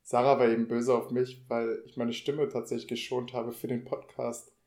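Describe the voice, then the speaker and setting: A man's voice: mid-range voice, normal speed. A man co-hosts a casual podcast. He talks easily and throws in short reactions to his partner's story. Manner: relaxed, reacting with short remarks. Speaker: podcast co-host. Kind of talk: casual chat.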